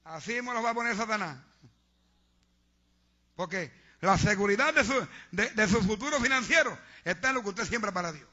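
Fervent high-voiced preacher, lo-fi. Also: male voice, animated, moderate pace, pauses often, sharp tone. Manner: fervent, exhorting, preaching to a congregation. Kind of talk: sermon. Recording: dull lo-fi sound.

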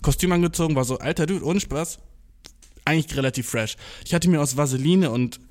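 A young man telling a story in a casual monologue, slangy and swearing a lot, mixing in English words, self-mocking and excitable, stumbling over his words. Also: a little high, a little fast.

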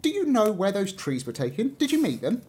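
A man's voice: high voice, huge pitch swings, fairly quick, darkish tone, husky, voice pushed up, full character voice. A man voicing a small, discontented young fir tree that longs to grow tall. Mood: longing. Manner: wistful, longing.

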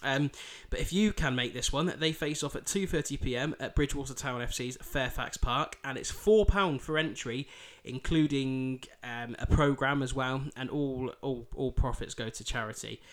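Male podcast host, thick Yorkshire accent, football fixture preview, mid-pitched voice, informal and chatty. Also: moderate pace, few pauses. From Bridlington, East Yorkshire, England. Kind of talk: podcast fixture preview, part scripted, part casual chat.

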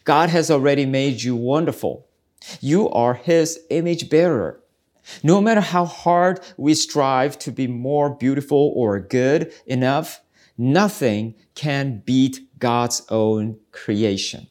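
A South Korean ministry speaker hosts a podcast, offering an earnest and reflective devotional in a searching, preacherly way. His mid-range voice is a little mellow and moves at a slow pace.

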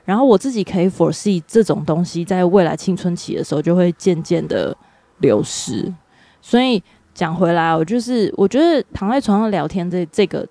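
Woman, podcast chat, warm low-ish tone, bit of fry, thinks out loud. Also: dry recording. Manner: thoughtful, searching for words. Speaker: podcast co-host. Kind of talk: casual chat.

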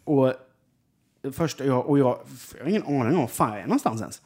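A man's voice: medium pitch, expressive, a little mellow, husky. A young man telling a rambling story in casual chat, full of fillers and swearing. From Jönköping, Sweden.

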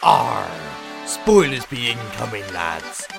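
A man putting on a gruff pirate voice to read a spoiler warning, growling his words. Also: fairly low pitch, lively intonation, slow, exaggerated voice. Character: gruff male pirate announcer. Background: music.

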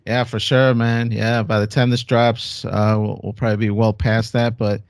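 A man's voice: on the low side, normal speed, no echo, studio quality. Casual American man co-hosting a podcast. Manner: relaxed, rambling, full of fillers. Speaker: podcast co-host.

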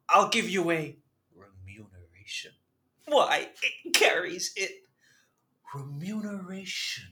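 A simple, greedy rustic servant, played by a stage actor, who savors each word with comic relish. His bright voice swings widely up and down. He sounds like a clown from a Shakespeare play. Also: mid-range voice.

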